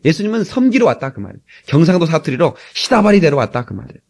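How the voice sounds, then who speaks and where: A man from Korea preaching a sermon as pastor, lively and humorous with frequent asides to the congregation, recorded on an old cassette tape. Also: on the high side, rapid-fire, vocal fry.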